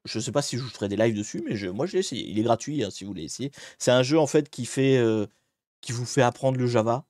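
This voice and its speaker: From a green-screen setup at home, a man hosts a casual live hacking stream, lively and joking as he greets viewers one at a time into a desk microphone. He talks fast at a medium pitch, and the recording is dry and studio quality.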